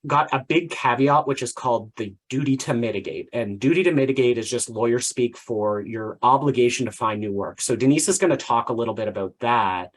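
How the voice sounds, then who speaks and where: A Canadian man lawyer explaining severance rules in a plain, brisk way with "uh" openers. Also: mid-range voice. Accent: Canadian English. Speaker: employment lawyer. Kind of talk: explaining legal points in an info session.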